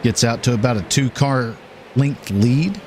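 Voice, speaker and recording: A man calling a live race as play-by-play commentator, with an animated delivery and occasional filler pauses. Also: medium pitch, background noise.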